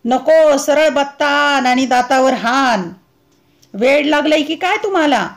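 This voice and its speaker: A woman's voice: sits high, slow pace. A woman reading aloud the lines of a stubborn, whining middle-aged husband suffering a toothache. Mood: peevish. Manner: peevish, stubborn complaining.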